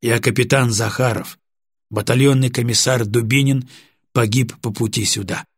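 A man voicing a stubborn, wounded male pilot captain in an audiobook, answering curtly in a husky voice. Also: mid-range voice, fairly even intonation, moderate pace, no room sound, studio quality. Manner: curt, clipped replies.

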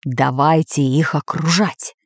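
A woman's voice: sits low, steady tone, slow pace, no echo, studio quality, voice pushed down, exaggerated voice. A woman voicing a fussy, timid old professor geographer in a storybook reading, cautious and polite. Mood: scheming.

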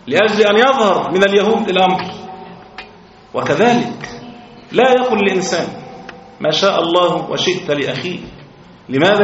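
A man's voice: high-pitched, slight background noise. A man with an Egyptian accent, teaching a religious lesson on a creed book as a sheikh, explaining and stressing points with emphasis. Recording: roomy, distant, dull lo-fi recording.

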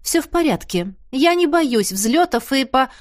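A woman voicing a wary young heroine in an audiobook, her voice raised and clipped. She answers tersely with sharp irritation, close and dry. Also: high voice, expressive, unhurried, no echo, pitched above the performer's own voice.

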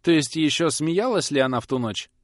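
A man's voice: fairly high pitch, expressive, fairly quick, dry recording, studio quality, pitched above the performer's own voice, close to an everyday voice. A man playing a nervous young knife-grinder who pleads and dodges questions in a storybook reading. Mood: evasive. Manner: whining, pleading.

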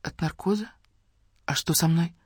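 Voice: medium pitch, normal speed, breathy edge, no echo, clean studio sound, natural voice. A reader doing a baffled, indignant young woman. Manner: puzzled, protesting, groaning.

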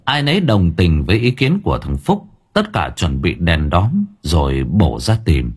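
Male audiobook narrator, low husky voice, very animated delivery. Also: a little slow. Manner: expressive, dramatic storytelling. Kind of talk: scripted narration.

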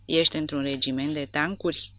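A woman's voice: sits low, fairly even intonation, sharp tone, no echo. A woman reading as a seductive, probing woman spy. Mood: coaxing.

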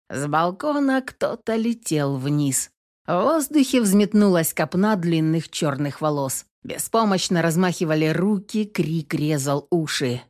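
A woman reading a novel aloud as an audiobook narrator, expressive and acting each character. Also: low-pitched. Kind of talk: scripted narration.

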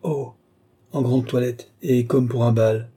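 A man voicing an entranced woman seer who answers obediently and haltingly. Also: medium pitch, steady tone, dark tone, husky. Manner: halting, submissive replies.

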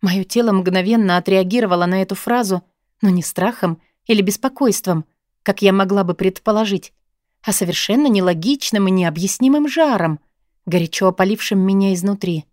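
A woman's voice: mid-range voice, a little fast, a little mellow, no echo, clean studio sound. A woman narrating a first-person novel in an intimate, confessional way. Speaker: audiobook narrator.

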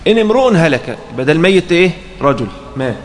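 A man's voice: fairly high pitch, sing-song, very fast, a little hiss or hum. Egyptian man teaching in an echoey room. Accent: Egyptian Arabic. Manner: reads a passage, then explains it with frequent check questions. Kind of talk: explaining a fiqh text in a lesson. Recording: roomy echo, faint background ambience.

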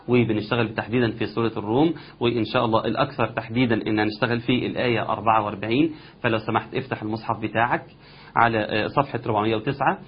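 A man with an Egyptian accent teaching Quran recitation, explaining each rule step by step and slowly chanting example verses. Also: lowish voice, husky. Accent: Egyptian Arabic. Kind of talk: recitation lesson. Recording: dull lo-fi sound.

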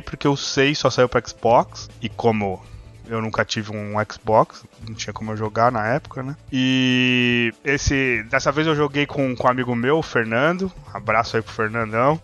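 A man's voice: mid-range voice, fairly bright tone, highs cut off. A young man with a Brazilian Portuguese accent chatting informally and in slang as a gaming podcast co-host. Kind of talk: casual chat about video games. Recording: music playing behind the voice. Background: background music.

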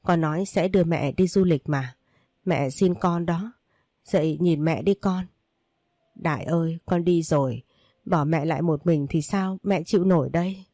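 A woman's voice: fairly low pitch, normal speed, dark tone, no room sound, studio quality. Grieving old mother, read by a woman. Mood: pleading. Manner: pleading, sobbing words. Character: grieving elderly mother, widowed, desperate.

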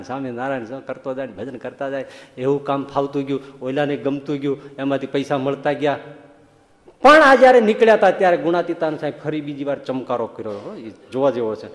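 A male monk, telling a sermon story in a lively, colloquial style with acted dialogue. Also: medium pitch, fast. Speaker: monk and preacher. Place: temple school hall. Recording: long hall reverb.

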